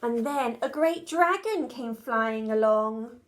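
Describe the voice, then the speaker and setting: A woman's voice: fairly high pitch, animated, slow. A woman teacher reading a rhyming children's storybook aloud in a rhythmic, sing-song way.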